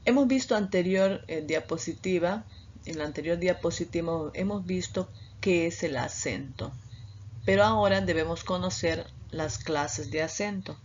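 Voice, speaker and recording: A woman with a Peruvian Spanish accent, giving a deliberate online grammar lesson over slides, pausing on fillers as she explains. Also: fairly low pitch, muffled recording, slight background noise. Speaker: teacher. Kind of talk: slow online lecture with slides.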